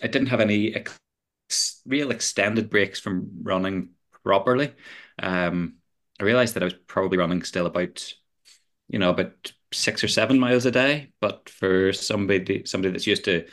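A man's voice: lowish voice, a bit bright. A man chatting casually as an interview guest, hesitant and often repeating words as he thinks. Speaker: podcast guest, runner.

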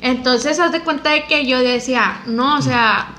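A woman's voice: high-pitched, unhurried, roomy sound, a loud crowd. A Mexican woman in her twenties telling a personal story in casual chat, full of slang and acted-out dialogue.

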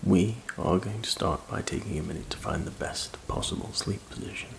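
A man narrating a sleep story in a soft, calm, hushed voice, slowly and soothingly, with a scripted relaxing delivery. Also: low voice, vocal fry. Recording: faint noise under rain ambience. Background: rain ambience.

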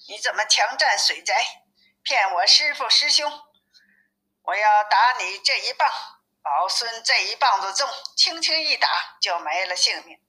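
A woman's voice: medium pitch, expressive, a little slow, sharp tone, rough recording. A woman voicing a fierce male monkey king who scolds and threatens a captured demon. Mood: threatening.

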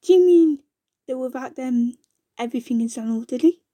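A woman's voice: high voice, moderate pace, dark tone, dry recording. A woman voicing a curious male woodpecker in a storybook reading, speaking earnestly and with wonder.

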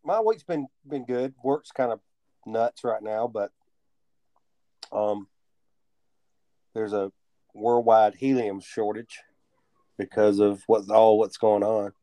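A man co-hosting a podcast in casual chat, easygoing and quick to laugh, rambling through his thoughts. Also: lowish voice, dark tone, no room sound. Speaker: podcast co-host.

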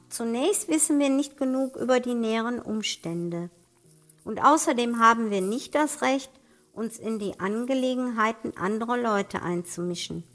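A woman reading an audiobook, voicing a patient, gentle mother who talks softly and calmly to her daughter. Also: a little high, lightly acted. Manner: soft and calm.

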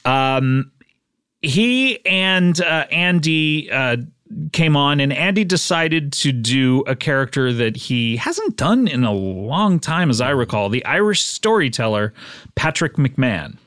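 Brief: male comedy host, lively and fairly high, giggly teasing, dry studio sound. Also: slow pace, no echo. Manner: laughs often, playfully teasing. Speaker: podcast host. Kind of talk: casual comedy chat. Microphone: studio mic.

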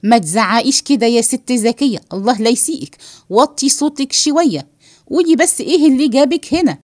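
A woman voicing a nervous man with an Egyptian accent in a read-aloud play, pleading and hushing. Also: sits high, lively intonation, a little fast, no room sound, clean studio sound. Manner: pleading, hushed. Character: nervous man trying to hush others.

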